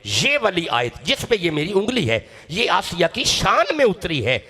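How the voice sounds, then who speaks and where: A man's voice: sits high, huge pitch swings, sharp tone, breathy edge. A man from Pakistan with a Punjabi accent, preaching an emotional sermon, dramatic and urging his audience to respond.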